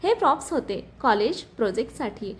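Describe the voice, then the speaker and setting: A woman reading the lines of a calm, steady young husband in a spoken story. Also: on the high side, moderate pace, slight background noise. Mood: calm, firm. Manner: steady, reassuring.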